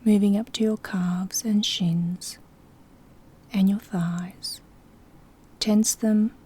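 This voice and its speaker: Gentle instructions for sleep hypnosis come from a soft-spoken woman serving as the guide. Her mid-range voice is whispery and breathy, and her manner is soothing.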